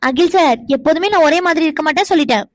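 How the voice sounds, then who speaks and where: A woman's voice: sits high, rapid-fire, dry recording, studio quality, close to an everyday voice. A woman voicing a shy, flustered young cartoon wife. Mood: shy, protesting. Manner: fretful, exclamatory, stammers when shy. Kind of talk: animated cartoon voice acting.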